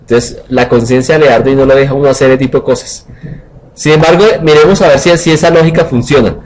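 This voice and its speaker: A man's voice: mid-range voice, fairly even intonation, quick pace, darkish tone, rough recording. A man teaching programming in a live coding lecture, joking, colloquial and asking the class questions.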